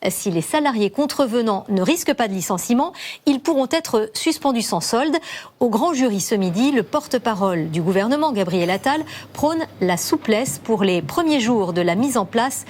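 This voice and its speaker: A woman's voice: fairly high pitch, animated, normal speed, a little mellow, a little hiss or hum. A woman presenting the news in a scripted narration style.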